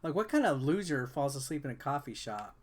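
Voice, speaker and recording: Medium in pitch and sing-song, a man's fairly quick voice carries bored, casual commentary as he plays a game for review. He reads the dialogue out loud and adds sarcastic remarks.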